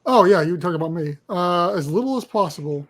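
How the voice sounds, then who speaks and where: A man's voice: sits high, lively intonation, fairly quick, a bit bright. A man co-hosting a podcast in casual chat, rambling with many fillers and restarts. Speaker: podcast co-host leading the show.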